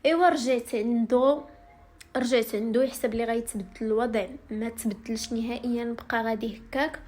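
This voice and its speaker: A young woman with a Moroccan accent, telling her own story to viewers in a rapid, aggrieved first-person retelling. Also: a little high, steady tone, a little mellow.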